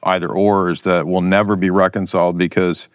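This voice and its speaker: A man's voice: deep voice, level tone, normal speed, dry recording. A man giving casual, conversational political commentary as a podcast guest, explaining his opinions informally.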